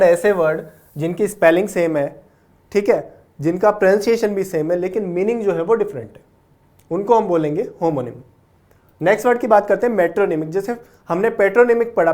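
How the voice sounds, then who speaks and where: A man's voice: high voice, darkish tone. Patient man teaching vocabulary. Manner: explains patiently, ends points with a checking "okay?"; mixes English words into Hindi speech. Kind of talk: classroom lecture explaining word roots.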